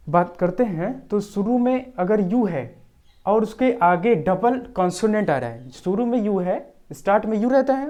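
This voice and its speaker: A woman teaching pronunciation rules in a tutorial, repeating each point slowly and step by step. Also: mid-range voice, warm tone. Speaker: English teacher.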